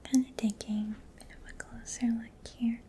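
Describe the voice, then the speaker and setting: In a soft-spoken ASMR roleplay, a woman plays a caring technician, speaking in a breathy, mostly whispered voice that is gentle, unhurried and reassuring. Her pitch is a little high and her tone level.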